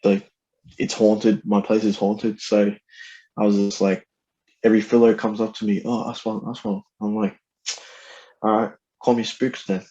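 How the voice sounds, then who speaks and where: A man's voice: on the low side, little pitch movement, normal speed, long pauses, mellow, muffled recording. A man chatting casually as a podcast guest, laid-back and slangy, with loosely put-together phrases. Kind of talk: casual chat.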